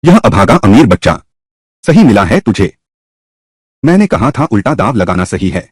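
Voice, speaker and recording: A man dubbing a historical costume drama, voicing many characters in a lively, shifting way. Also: fairly low pitch, moderate pace, slightly rough, no echo, clean studio sound. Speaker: dubbing narrator voicing all roles. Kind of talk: Hindi dub of a historical drama.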